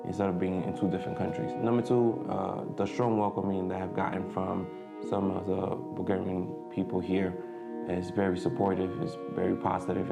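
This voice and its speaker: This young vlogger, a native Spanish speaker from the Dominican Republic, speaks casually to camera in a low, gravelly voice. His talk is hesitant, full of fillers and false starts.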